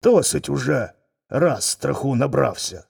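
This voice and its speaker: A man voicing a humbled, frightened male lion in a folk tale reading, with a gravelly, husky voice. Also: medium pitch, lively intonation, a little slow, a little mellow, pitched above the performer's own voice, exaggerated voice. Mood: scared, gloomy. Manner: gloomy, whispering in fear.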